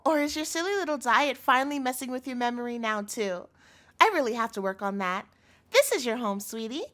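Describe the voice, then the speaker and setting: In a scripted audio roleplay, a woman plays a doting, possessive yandere girlfriend, coaxing and pleading in a cloying way. Her voice is high and a bit bright, and she sounds amused and possessive.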